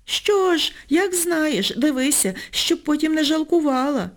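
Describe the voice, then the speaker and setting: A haughty, preachy schoolgirl, as a woman reader puts her on, bossy and scornful, her voice leaping high and loud when she scolds. She lectures the other children in a storybook, full of self-righteous indignation. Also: expressive, measured pace. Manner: indignant, lecturing, shrill outbursts.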